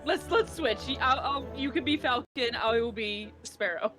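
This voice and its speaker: A woman's voice: fairly high pitch, fairly bright tone. A young woman co-hosting a game stream, joking and laughing with her partner and the chat. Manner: playful, laughing, slow and drawn-out talk. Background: game music.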